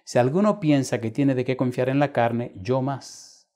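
A man's voice: mid-range voice, moderate pace. A male pastor preaching a sermon, telling a story and acting out the voices of the people in it. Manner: dramatic, shifts between loud and hushed quoted voices. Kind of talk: sermon with acted-out anecdotes.

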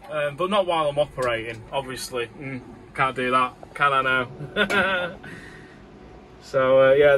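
A crane operator from Morecambe, in northern England, chats and rambles with easy laughs as he describes his job from his tower crane cab high above a site. He speaks with a Lancashire accent in a mid-range, fairly bright voice, and the vlog's poor audio has slight background noise.

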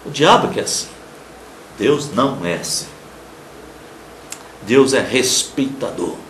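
A man preaching a televised sermon with a Brazilian accent, emphatic, swinging between loud declarations and soft murmurs and acting out the people he quotes. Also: medium pitch, animated, a little slow, a little hiss or hum. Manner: acts out quoted people in raised voices. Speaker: pastor. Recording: roomy with faint ambience.

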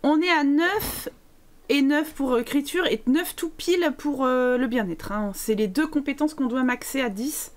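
A woman's voice: high-pitched, normal speed. A woman streaming a life-sim game live, chatting playfully to her characters and thanking viewers as she goes. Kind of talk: live gameplay commentary.

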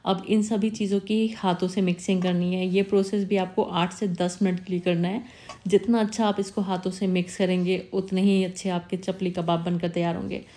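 A woman hosting her own channel calmly narrates a cooking recipe step by step, patiently repeating tips. Her voice is on the low side and her pace moderate.

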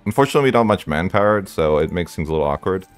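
A man's voice: sits low, animated, rapid-fire, faint music behind. A man giving casual, rambling commentary while playing a strategy game, thinking aloud candidly into a close microphone.

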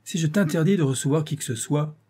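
A man's voice: mid-range voice, moderate pace, mellow, slightly rough, lightly acted. A male audiobook reader voicing a jealous, desperate financier who rages and pleads with his mistress. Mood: anguished. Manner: indignant, pleading, groaning. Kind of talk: audiobook reading.

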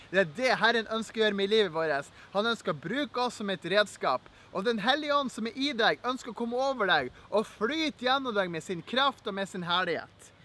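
A young man with a Norwegian accent gives an earnest, encouraging devotional Bible teaching for a video, reading scripture aloud. His voice is high-pitched with a sharp tone.

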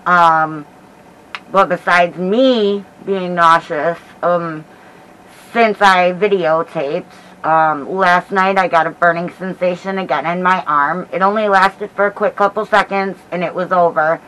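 A middle-aged American woman giving a casual vlog update in a hesitant, halting way while feeling sick with a headache. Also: on the low side, fairly even intonation, fairly bright tone, poor audio. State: unwell with headache and nausea. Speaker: paranormal vlogger. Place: small dim bedroom, indoors. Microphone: camera mic at about arm's length, through a cloth face mask.

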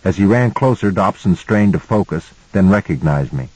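A man narrating a novel in the first person as an audiobook, in a measured storytelling manner. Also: sits low, expressive, a little mellow, breathy edge, no echo, poor audio.

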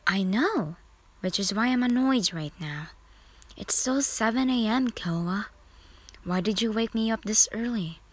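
A woman's voice: on the high side, expressive, measured pace. A woman voicing a sleepy, grumbling young listener in a whispered role-play. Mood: annoyed.

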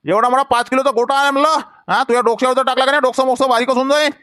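A man's voice: very high voice, fairly even intonation, racing, bright, forceful tone, smooth, no echo, studio quality. A man acting as a hot-tempered village farmer in a comedy skit, threatening in a Varhadi Marathi accent. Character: hot-headed village farmer who kills his brother.

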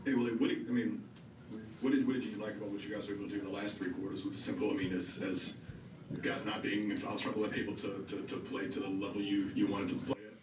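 Low-voiced reporter man, far off and echoey. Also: level tone, quick pace, background noise. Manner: rambling, restarts his questions. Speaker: sports reporter. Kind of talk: press conference question.

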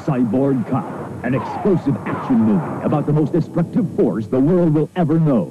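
A man's voice: on the high side, animated, normal speed, over loud music. A man narrating a movie trailer in a dramatic announcer delivery, heard from a worn videotape copy. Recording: tinny worn tape copy with loud hiss.

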